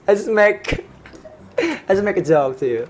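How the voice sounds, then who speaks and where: With big pitch swings in a high voice at normal speed, an Indonesian man bantered casually over video chat amid background noise. He's a host who sings to strangers, playfully teasing them and cracking himself up.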